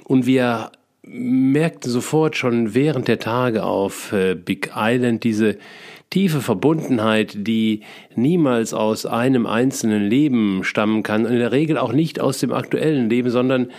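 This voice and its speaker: A middle-aged man slowly telling a personal, spiritual life story, reflective and full of small hesitations and restarts. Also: mid-range voice, darkish tone. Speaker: feng shui consultant telling his life story.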